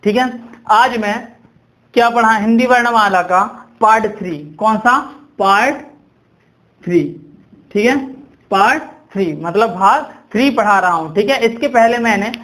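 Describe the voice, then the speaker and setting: A young male teacher with a very high voice runs through a grammar lesson. He poses questions to the class and answers them himself. He repeats key terms and slows to a crawl when dictating. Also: a bit bright. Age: young adult. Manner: drawn-out dictation while writing.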